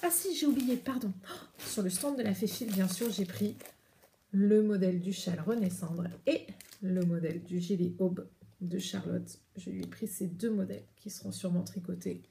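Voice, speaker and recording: A woman's voice: mid-range voice, moderate pace, vocal fry, warm tone, slight background noise. A French woman hosting a knitting podcast, chatting casually and rambling with many hesitations as she shows her yarn. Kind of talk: casual chat showing yarn to camera.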